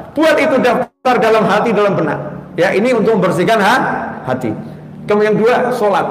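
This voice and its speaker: High-voiced male preacher in echoing hall. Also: a little hiss or hum. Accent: Indonesian. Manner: lively, shifts from soft prayerful murmurs to emphatic raised points. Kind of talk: religious lecture. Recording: roomy hall with long reverb.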